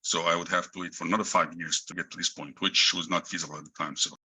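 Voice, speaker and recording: Fast-talking deep husky man from Egypt. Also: little pitch movement, sharp tone, low-quality recording. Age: middle-aged. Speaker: guest, engineering executive. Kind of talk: interview answers.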